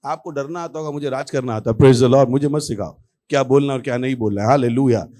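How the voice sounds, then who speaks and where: Animated male pastor preaching. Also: medium pitch, fairly quick. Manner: animated, with frequent exclamations to the congregation. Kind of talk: lively Hindi sermon.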